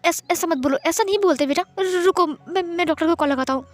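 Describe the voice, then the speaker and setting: An anxious, doting mother who stammers over her words and turns tearful, voiced by a woman narrator. Her voice is high and bright, with faint music behind it. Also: fast talker. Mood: panicked.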